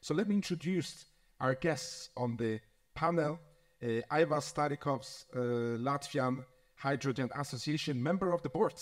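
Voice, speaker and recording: A man with a medium-pitched voice, speaking at normal speed, moderates a conference panel. As formal event host, he introduces the guests politely but hesitantly, using many fillers.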